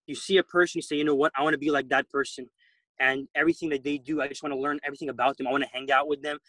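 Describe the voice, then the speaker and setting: A man's voice: a little high, level tone, racing, sharp tone, no room sound, low-quality recording. A man who is a guest entrepreneur, giving emphatic interview answers and repeating words as he builds his points.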